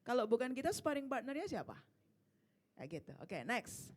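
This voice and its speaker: A woman's voice: a little high, sing-song, moderate pace. A woman speaking at a parenting seminar, answering parents' questions in an emphatic, conversational way. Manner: warm, emphatic, rhetorical questions. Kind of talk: casual seminar talk, mixing Indonesian and English.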